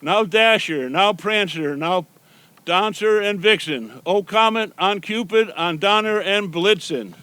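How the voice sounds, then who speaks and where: A kindly, encouraging Santa from a children's storybook, read by a man. He is gentle and reassuring, with a voice on the high side for a man. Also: lively intonation, measured pace, smooth, no room sound, heavily acted. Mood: rallying.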